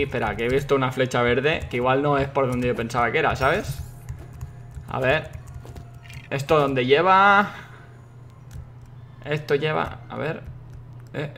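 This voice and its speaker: A young man giving excitable let's-play commentary, swearing and yelling at the game. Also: on the high side, creaky. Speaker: gaming YouTuber.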